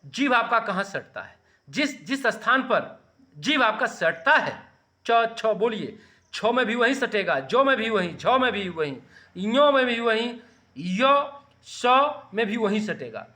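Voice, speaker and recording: A man teaching a grammar lesson, slowly sounding out letters and urging students to practise saying them. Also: extremely high pitch, very animated, bright, forceful tone. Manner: slow, deliberate, sounding out letters for students to repeat.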